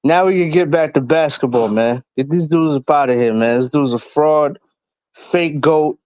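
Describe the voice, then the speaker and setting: A man's voice: fairly high pitch, moderate pace, a little mellow, clear, resonant tone, no room sound. A man calling in over a phone line for a casual chat, brash and slangy, laughing often. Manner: brash, slangy trash talk with frequent laughter. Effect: heard over a phone call. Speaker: caller on a livestream. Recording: dull, lo-fi phone audio.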